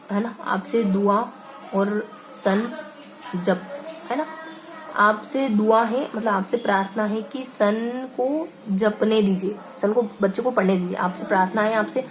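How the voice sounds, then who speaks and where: A woman teaching an exam-prep lesson, slowly repeating and stretching words as she explains memory tricks. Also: medium pitch.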